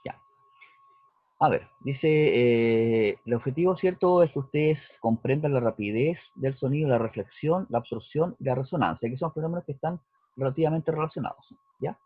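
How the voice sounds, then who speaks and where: A man's voice: mid-range voice, normal speed, no echo. A male physics teacher, talking through a recorded lesson and often checking in with his students. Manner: explanatory, checks in with "¿cierto?" and "¿ya?". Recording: dry, husky, phone-like narrowband audio.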